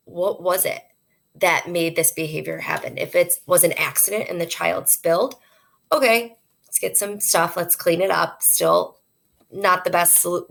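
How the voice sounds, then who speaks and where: Low, gravelly-voiced woman educator. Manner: earnest and conversational, explains with everyday examples. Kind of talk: informal instructional talk to parents.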